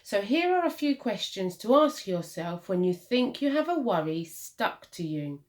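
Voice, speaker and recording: At a medium pitch, in a sing-song way, a woman reads a children's picture book aloud. Like a primary school teacher, she is expressive, adding purposeful dramatic pauses and emphasis for the young audience.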